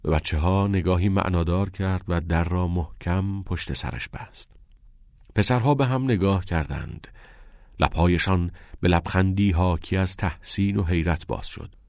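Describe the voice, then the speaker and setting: Man, audiobook narration, very deep voice, steady measured reading, dry close recording. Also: no echo. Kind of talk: scripted narration.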